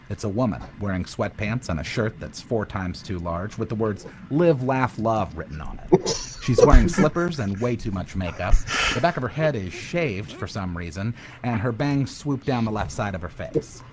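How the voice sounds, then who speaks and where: A man narrating a tabletop fantasy game as dungeon master, in a measured, dramatic way. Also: on the low side, expressive, noisy background. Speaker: dungeon master in a played clip.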